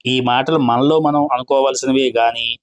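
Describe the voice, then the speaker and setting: A man's voice: mid-range voice, fairly even intonation, moderate pace, dry recording, lightly acted. A man reading as Girisham, a pompous boastful tutor. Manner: pompous, lecturing. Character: boastful self-important male tutor, smooth talker.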